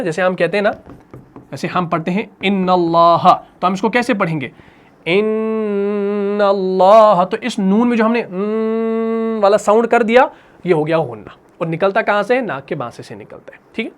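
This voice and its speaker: Male recitation teacher, patient, question-and-answer delivery, slow repetition of key terms. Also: high-pitched. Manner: patient, asks questions and answers them himself; repeats each term slowly. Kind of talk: classroom lesson.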